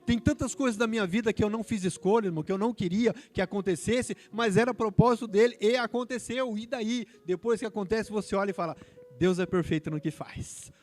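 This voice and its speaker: A man's voice: high voice, a little fast, a little mellow. A man in his fifties with a Brazilian Portuguese accent, preaching a fervent sermon that builds to emphatic peaks.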